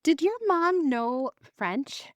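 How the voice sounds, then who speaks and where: Woman, middle-aged, podcast host, asks questions, quick reactions, fairly high voice. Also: lively intonation, no echo, clean studio sound. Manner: warm, prompting questions, brief reactions. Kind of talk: casual interview conversation.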